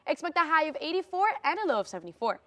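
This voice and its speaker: A woman's voice: sits high, sing-song, very fast, fairly bright tone. A teenage girl co-anchoring a school news show, reading a script in an upbeat, pun-filled way. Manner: upbeat, pun-laden delivery.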